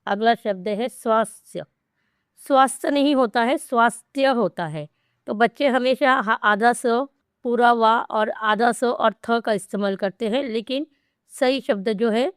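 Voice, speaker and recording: Woman, teacher, spelling lesson, careful explanations, slightly high voice, dry close sound. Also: clear, resonant tone, no room sound. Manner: slow, careful spelling out of word parts. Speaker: Hindi teacher.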